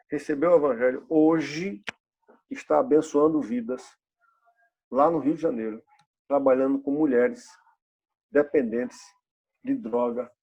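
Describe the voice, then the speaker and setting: A man's voice: medium pitch, creaky, dull audio. A pastor in his fifties preaching a sermon in a church, asking the congregation rhetorical questions and repeating key phrases. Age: 50s.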